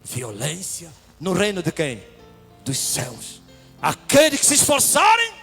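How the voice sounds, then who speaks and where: A man preaching a testimony sermon, swinging from loud shouted praise to hushed whispers. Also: a little high, gravelly.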